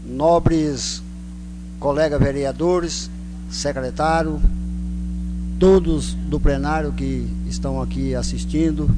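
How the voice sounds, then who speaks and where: A man with a rural Brazilian caipira country accent giving a folksy, halting, informal speech as a town councillor. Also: on the high side. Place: council chamber. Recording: noisy, humming public address recording.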